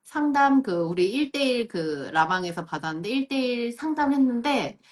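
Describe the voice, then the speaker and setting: A woman's voice: fairly high pitch, expressive, moderate pace. A woman hosting a live stream, asking a counselor questions and murmuring agreement often. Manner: asks questions, constant soft backchannel murmurs. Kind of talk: casual live-stream chat.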